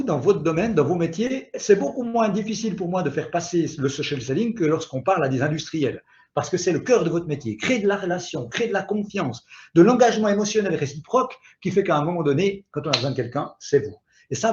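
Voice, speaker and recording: A man's voice: on the high side, darkish tone, muffled recording. A man with a Swiss French accent presenting a webinar on digital marketing, emphatic, with frequent asides. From Switzerland. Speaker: guest speaker on digital marketing.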